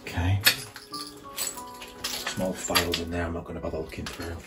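Deep-voiced English Midlands man exploring in awe. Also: completely flat delivery, moderate pace. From England. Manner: hushed, awed commentary. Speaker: urban explorer host. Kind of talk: handheld exploration vlog. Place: dark abandoned school building, indoors. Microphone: camera mic held at arm's length. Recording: echoey empty rooms with loud music.

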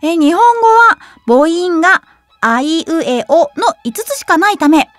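A young woman hosting a web radio show, reading quiz trivia aloud and reacting to it with quick giggles and chatty asides. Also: very high voice, no echo. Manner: lively, giggly, reads trivia then reacts.

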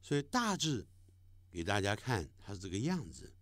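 A middle-aged man teaching English vowel sounds, speaking slowly and deliberately and drawing out each sample sound. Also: on the low side, big pitch swings, a bit bright, no room sound, studio quality. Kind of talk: recorded classroom lesson.

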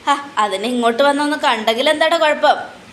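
A woman's voice: high voice, brisk, fairly bright tone, echoey room, a little hiss or hum, voice pushed up. A woman voicing a scheming grandmother in her sixties or older who fakes crying in a showy, whiny way. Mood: coaxing. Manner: whiny, overdone wailing. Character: theatrical old grandmother, fake-crying schemer.

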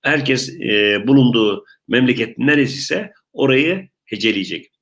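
A man's voice: mid-range voice, expressive, unhurried, fairly bright tone. Turkish-accented male English teacher, repetitive, speaks to viewers as friends. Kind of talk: online English lesson for beginners.

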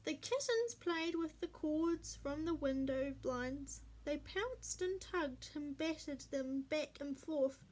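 A woman reading a children's picture book aloud as a storyteller, slow, clear and expressive. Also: high voice.

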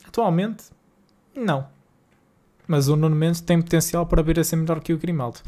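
With a mellow, higher-than-average voice at a moderate pace, a young man from Portugal chats with his stream viewers while playing a game at home. His northern Porto accent runs through the casual, slangy, exasperated banter.

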